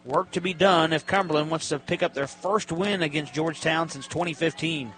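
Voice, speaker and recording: Here a male radio announcer, his voice a little high and a bit bright, gives fairly quick live football commentary in clipped, descriptive lines. Stadium ambience and faint noise run underneath the live broadcast.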